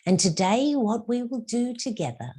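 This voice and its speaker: Guiding a meditation as a spiritual teacher, this woman has a slightly high, husky voice with lively intonation. She stays soft and soothing throughout, drawing out phrases and dropping some words to a whisper.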